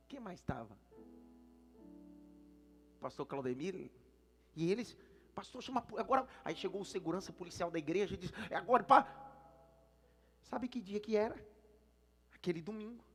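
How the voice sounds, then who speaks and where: A man with a Brazilian Portuguese accent, a senior pastor preaching a storytelling sermon in church, swinging between hushed asides and shouted lines. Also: sits high. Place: church service.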